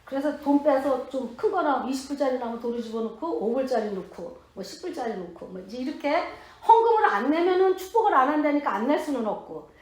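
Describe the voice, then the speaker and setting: A Korean woman pastor around fifty, giving her testimony in a sermon with animated, emphatic storytelling and blunt everyday speech. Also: high-pitched, fast talker, few pauses. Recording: very echoey hall.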